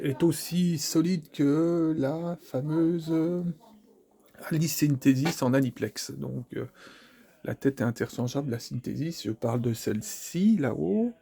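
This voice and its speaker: A man's voice: medium pitch, vocal fry, dark tone, husky. A man presenting a collectible figure at home in a rambling, self-mocking way, repeating his words. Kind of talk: casual unboxing chat. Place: home room, family heard in the background.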